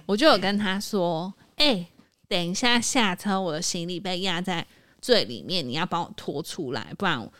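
A woman with a Taiwanese Mandarin accent, hosting a podcast and telling a story in casual chat, animated and laughing often. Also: lowish voice, normal speed. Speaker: podcast host.

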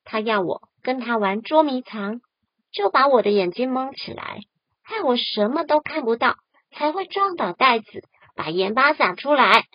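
A woman voicing a defensive hippo in a storybook, loud and protesting. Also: a little high, expressive, normal speed, no room sound, muffled recording. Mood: indignant.

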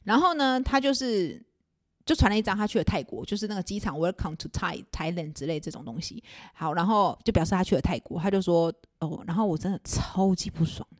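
A young woman with a Taiwanese Mandarin accent tells a personal story on her podcast at a quick clip. Her delivery is casual and confiding, and it flares into indignant exasperation. The sound is close and dry, with no room around it. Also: mid-range voice, dry recording. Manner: animated, venting with bursts of exasperation. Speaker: podcast host.

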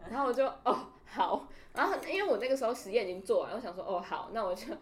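With a slightly high voice and rapid-fire delivery, a woman co-hosts a podcast, casually recounting a funny story. She's animated, laughing frequently and acting out what each person said.

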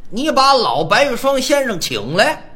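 A man banters through a crosstalk routine on a live stream. He fires back stubbornly and quickly. His voice sits high and bounces around a lot. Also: sing-song, background noise. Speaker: crosstalk performer.

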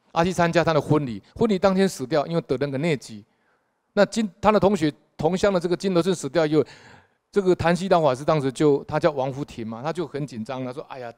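A man, a police officer telling a Buddhist story in a lively way, full of fillers and acted-out quotes. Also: medium pitch. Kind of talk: storytelling talk. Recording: long hall reverb.

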